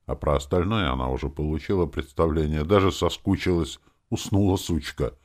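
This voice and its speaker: A man's voice: extremely low pitch, brisk. A man narrating a first-person audiobook in a wry, dryly ironic storytelling voice.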